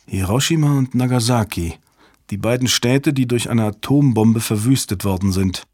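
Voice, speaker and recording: Male narrator, audiobook thriller, steady delivery, mid pitch, dry close mic. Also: normal speed, no room sound. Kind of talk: scripted narration.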